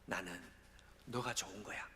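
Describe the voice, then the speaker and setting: A soft, tender God speaks in a hushed, half-whispered voice, as a male preacher puts him on. The words carry a long reverb through a big church hall. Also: sits low, moderate pace, slight background noise, voice pushed down. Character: gentle loving God, male, tender and reassuring. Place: church sanctuary during a live dawn service.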